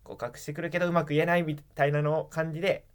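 A man's voice: a little high, flat delivery, fast, smooth. A young man telling a rambling, funny story in casual free talk, laughing as he goes and acting out the lines he quotes. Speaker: podcast co-host.

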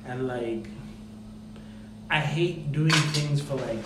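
Speaking slowly at a medium pitch, a podcast host gives loose, rambling explanations peppered with fillers. Heavy reverb surrounds him, and background noise is clearly audible.

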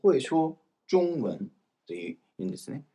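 A man teaching Chinese grammar in a casual, explanatory lesson, slowing down for the example phrases. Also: a little high, very animated, dark tone. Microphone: voice message recording.

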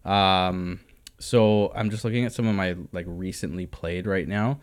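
A man's voice: deep voice, fairly even intonation, measured pace, clean tone. A young man co-hosting a casual podcast, talking in a laid-back, slangy way. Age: young adult. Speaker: podcast co-host. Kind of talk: casual chat.

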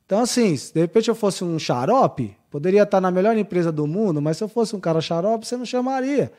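A man with a fairly high voice, chatting as a guest on a podcast. He is effusive and informal, with lots of slang and the odd mild swear word. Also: animated, quick pace, mellow. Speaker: podcast guest, works with house painters. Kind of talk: casual chat.

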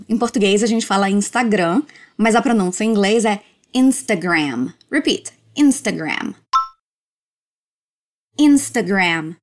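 A woman teaching English with a fairly high voice, taking her time. She draws out model phrases slowly so learners can repeat after her. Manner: slow, drawn-out model phrases for repetition. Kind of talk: language lesson.

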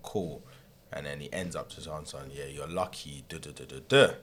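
A man's voice: extremely low pitch, steady tone, moderate pace, fairly bright tone, slight background noise. A young man with a London roadman accent telling a story casually in street slang and acting out who said what. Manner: slangy, acts out reported dialogue. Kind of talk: casual anecdote telling among friends.

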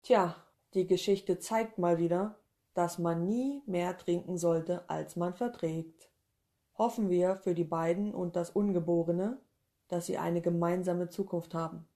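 Woman, storyteller, low voice, warm and mellow, calm even reading, first-person short story. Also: measured pace, soft background music.

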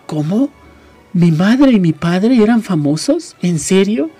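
A man's voice: sits high, very animated, takes it slowly, dark tone, husky, faint music behind, exaggerated voice. A man doing a timid, bewildered boy. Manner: hesitant, questioning. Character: timid, startled young boy.

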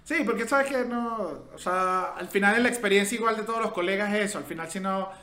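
A man's voice: sits high, brisk, bright, forceful tone, reverberant. A man co-hosting a podcast, teasing and scolding his friend in casual chat, often repeating his words. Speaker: podcast co-host.

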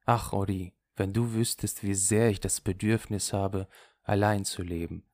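A male reader voicing a restless, tearful young woman in an audiobook, raising his voice and pitch for her. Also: flat delivery, measured pace, a little mellow, no room sound, clean studio sound. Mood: pleading. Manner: raised, emotional voice for a female character. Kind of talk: audiobook character voice.

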